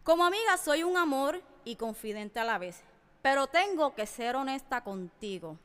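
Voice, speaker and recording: This podcast host from Puerto Rico, a woman in her thirties with a matching accent, talks straight to her listeners with emphasis in a personal monologue. Her high voice is a bit bright, with lively intonation and a moderate pace. Faint music plays behind her, and the room has a long hall-like reverb.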